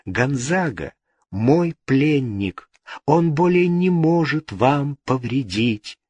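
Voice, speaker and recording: A man voicing a steady, gentle Scottish nobleman who speaks calmly and reassuringly in a storybook reading. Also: mid-range voice, takes it slowly, no room sound. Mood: calm reassurance. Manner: calm, reassuring.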